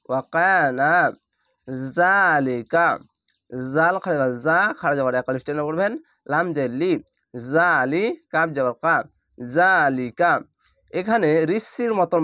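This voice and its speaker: A man teaching Quran reading, spelling each letter and vowel mark and then drawing out the joined syllables in a slow lesson. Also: a little high, fairly bright tone, dry recording, clean studio sound.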